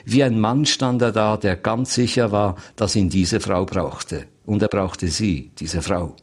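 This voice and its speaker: A man reading literary fiction aloud as narrator, with measured, deliberate phrasing. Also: on the low side, husky.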